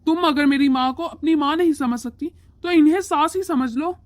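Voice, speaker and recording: Woman doing a bossy cartoon husband scolding his wife, high voice, dry sound. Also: normal speed, no echo, close to an everyday voice. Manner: scolding, lecturing. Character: young husband, bossy toward wife, devoted to mother. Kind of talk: animated moral story voice acting.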